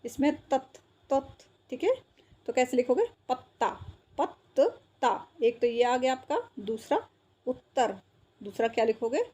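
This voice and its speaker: Patient woman teacher, warm husky voice. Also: on the high side, moderate pace. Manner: patient, repeats words and checks understanding. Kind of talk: explaining a school textbook exercise.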